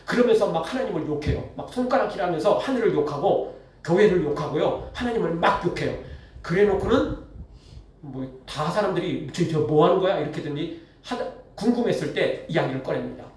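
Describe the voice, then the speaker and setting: A man's voice: sits high, animated, fairly quick, darkish tone. A male pastor giving a conversational sermon, acting out blunt voices as he tells it. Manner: conversational preaching, acts out the wicked in blunt speech. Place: church sanctuary. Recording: echoey church hall, mic at a distance.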